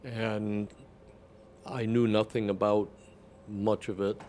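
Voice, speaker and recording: A man in the audience speaking slowly and hesitantly. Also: on the low side, level tone, a little mellow, slight background noise. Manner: slow and hesitant. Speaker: audience member. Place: library meeting room. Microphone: far camera.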